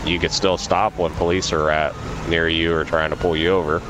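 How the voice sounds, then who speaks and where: A man playing a police officer in a game roleplay, measured and matter-of-fact. His voice is very low. Sirens and game noise are loud behind him. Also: flat delivery. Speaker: player acting as a police officer.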